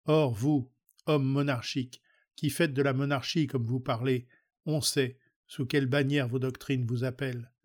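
A man reading a historical speech aloud in a measured, declamatory way. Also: mid-range voice, fairly even intonation. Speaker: reader.

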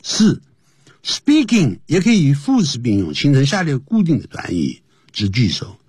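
A man teaching English on a radio program, explaining phrases slowly with repetition. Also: breathy edge, dry recording, clean studio sound. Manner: explains slowly and repeats phrases, lively drawn-out pitch. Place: radio studio.

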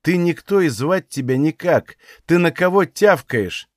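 Audiobook: male reader playing a domineering older woman mage, crude and scornful, raised pitch, very animated. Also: measured pace, no echo, studio quality. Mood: menacing. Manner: sneering, coarse, domineering. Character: arrogant foul-mouthed older female mage.

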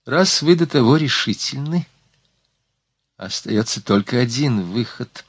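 A man's voice: medium pitch, animated, a little slow, husky, no echo. A man reading aloud, voicing a worldly, gracious sultana who speaks in a slightly whispery, lisping, confiding way.

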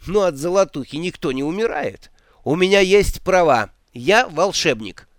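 A man's voice: high-pitched, animated, normal speed, dry recording, studio quality, voice pushed up. A man voicing a jittery cowardly male wizard who protests indignantly in a raised voice.

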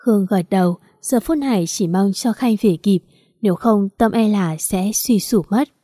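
Mellow-voiced woman narrating a story. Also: mid-range voice, moderate pace, no echo, clean studio sound. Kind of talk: scripted narration of a romance story.

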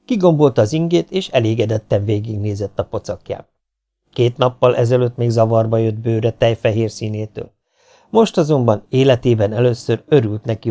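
Man narrating an audiobook, dark mellow voice, steady pacing. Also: lowish voice.

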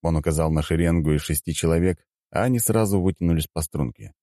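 A man narrating a fantasy audiobook in the first person, measured and expressive. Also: low-pitched, no room sound, studio quality.

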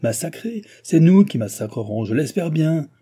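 An arrogant, quick-tempered young nobleman, as a man reads him, barks his orders in a raised, imperious voice. The tone stays dark and husky under the lifted pitch. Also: very animated.

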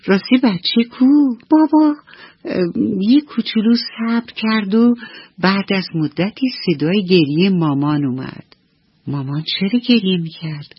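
A woman storyteller narrating a children's bedtime story on the radio in an expressive, storytelling manner. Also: on the low side, breathy edge, no echo. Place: radio studio. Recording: dull dry old radio recording.

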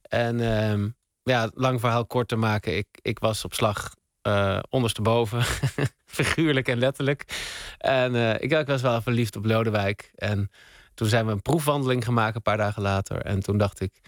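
A man, a guest on a radio interview, telling a rambling story in a relaxed, meandering way with many fillers, at a studio microphone. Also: on the low side, normal speed, no room sound. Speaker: guest, spoken word artist.

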